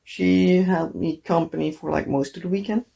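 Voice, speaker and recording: A woman with a hoarse, sick voice, rambling casually with lots of fillers and coughs as she chats on her crafting vlog. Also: lowish voice, fairly even intonation, moderate pace, dark tone. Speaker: crafting vlogger. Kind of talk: casual chat while crafting.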